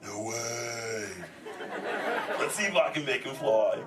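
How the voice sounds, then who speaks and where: A man's voice: mid-range voice, expressive, slow. A man voicing a laid-back male green sea turtle who talks like a surfer and says "dude" constantly, joking with a live audience. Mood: excited. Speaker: live character performer talking with an audience. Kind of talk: improvised live audience interaction. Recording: echoey venue from a distance, audience chatter. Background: audience chatter and crowd noise.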